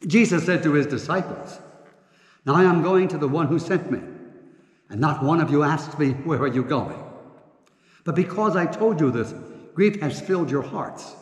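A man, a priest, leading Mass in a slow, measured, solemn way, reading prayers and scripture in a church. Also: a little high, animated. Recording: echoey church, reverberant and roomy.

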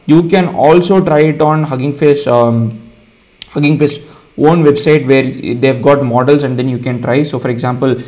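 A man with an Indian accent hosting a casual coding tutorial, explaining each step in a relaxed way with frequent ums and uhs. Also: mid-range voice, moderate pace. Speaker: tutorial host.

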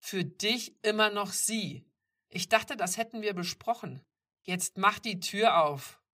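A woman reading aloud, voicing a cocky, grimy young man who speaks in a slow, mocking, commanding way. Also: low voice, lively intonation, a bit bright, distant mic, heavily acted.

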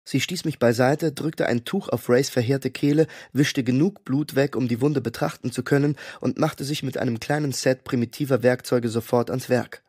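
A man reading a fantasy audiobook in a steady, measured storytelling way. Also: medium pitch, husky, no room sound, studio quality. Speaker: audiobook narrator. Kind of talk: scripted narration.

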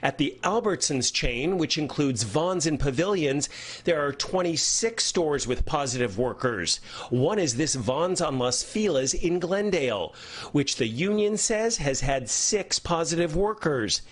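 A man's voice: fairly high pitch, expressive, a little slow. Middle-aged male TV reporter, emphatic. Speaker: investigative reporter. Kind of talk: live TV news report. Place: home room, indoors.

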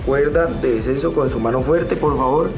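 A man's voice: mid-range voice, normal speed. A Colombian man working as a rappel instructor, giving short step-by-step commands politely and repeating them. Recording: loud music behind.

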